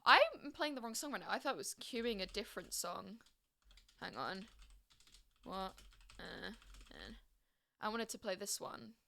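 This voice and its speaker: A woman's voice: medium pitch, sing-song, a little slow, creaky, pauses often, pushed and bright. A young woman streamer chatting casually and emotionally with her live chat, reading messages aloud and gushing. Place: home streaming setup with music playing.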